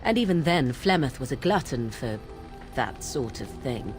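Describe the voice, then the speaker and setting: An actress with a very deep, expressive voice plays a sly young witch, speaking at a measured pace over game music. The character is mocking and aloof, teasing in a wry, archly formal way.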